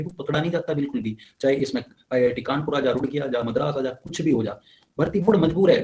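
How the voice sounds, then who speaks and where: In a slightly high, slightly mellow voice, a young exam candidate updates his fellow applicants informally. He is insistent and repetitive as he urges them on.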